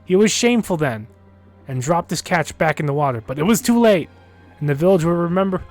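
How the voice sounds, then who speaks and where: A man's voice: fairly high pitch, expressive, fairly quick, a little mellow, faint music behind. A man streaming a game, chatting and reading in-game books aloud. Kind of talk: casual gameplay commentary and reading aloud.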